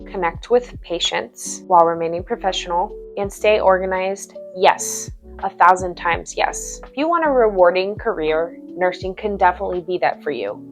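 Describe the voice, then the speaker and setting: Frank, lively woman nurse vlogger. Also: on the low side, moderate pace, hardly any pauses, faint music behind. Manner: frank, animated, acts out chirpy patient small talk. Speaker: nurse and channel host. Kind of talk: advice vlog talking to camera.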